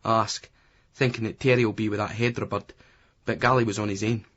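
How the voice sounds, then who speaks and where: A man's voice: fairly low pitch, level tone, fairly quick, a bit bright. Blunt Scottish man narrating, muffled audio. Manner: blunt, crude, conversational. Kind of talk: first-person novel narration. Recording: dull lo-fi remastered recording.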